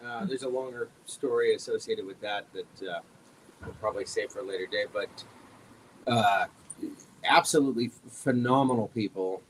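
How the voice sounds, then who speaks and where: A man's voice: on the low side, moderate pace, slight background noise, poor audio. Easygoing man with wry asides. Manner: easygoing, wry, many uh fillers. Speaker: show co-host. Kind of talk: casual roundtable chat.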